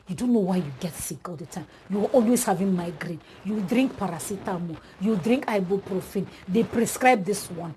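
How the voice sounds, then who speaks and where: A woman's voice: medium pitch, mellow, slight background noise. A woman preaching an exhortation, speaking straight to her listeners with emphatic repetition.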